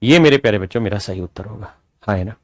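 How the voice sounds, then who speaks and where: A man's voice: fairly low pitch, lively intonation, fast, no room sound. A man teaching a math lesson to a class in a folksy, coaxing way, often checking that students follow and calling them his dear children. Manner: asks frequent check questions.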